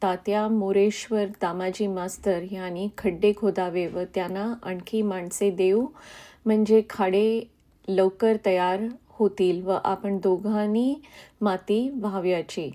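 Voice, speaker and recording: A kind, motherly older woman urges a young devotee on with slow, firm encouragement in a devotional story reading, as a woman reader voices her. Her tone is mellow and unhurried. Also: medium pitch, fairly even intonation, close to an everyday voice. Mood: practical.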